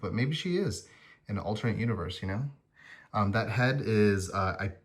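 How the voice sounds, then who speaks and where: A man casually walking through his collectible figure displays, chatty and rambling, often pausing with ums and correcting himself. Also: lowish voice. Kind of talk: casual vlog walkthrough.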